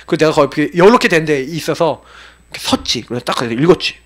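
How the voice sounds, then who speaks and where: A man in his forties, a pastor preaching a sermon with animated urging and low, confiding asides. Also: fast talker.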